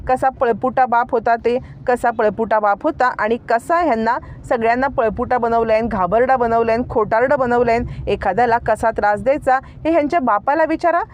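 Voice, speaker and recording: A woman's voice: a little high, normal speed, few pauses, a little hiss or hum, natural voice. A woman voicing a vengeful proud young woman. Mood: defiant. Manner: defiant, bitter.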